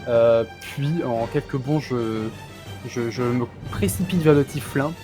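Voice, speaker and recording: A man's voice: medium pitch, slow pace. A man playing in a tabletop game, hesitantly describing what his character does. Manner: hesitant, many restarts and fillers. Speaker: player. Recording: music behind the voice.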